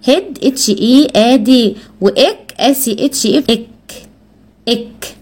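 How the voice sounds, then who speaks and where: A woman's voice: on the high side, a little slow, a little mellow. A woman with an Egyptian Arabic accent giving a children's English lesson, patiently repeating words and spelling them out. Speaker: English teacher.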